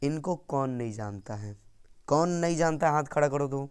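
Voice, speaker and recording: Guy teaching board exam science, kinda high voice, keeps asking and answering himself. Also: moderate pace, clear, resonant tone. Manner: lively, repeats key terms, asks and answers his own questions. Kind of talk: exam-prep science lesson.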